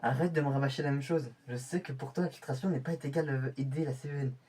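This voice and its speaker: A man's voice: medium pitch, steady tone, fast, darkish tone, far from the mic, close to an everyday voice. A man playing a young male infiltrator getting ready for a covert mission, often stammering and restarting his sentences in amateur web-drama style. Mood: irritated.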